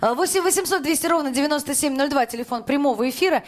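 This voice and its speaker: A woman's voice: sits high, very fast. A woman hosting a live phone-in talk show, speaking to listeners and callers. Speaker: radio call-in host.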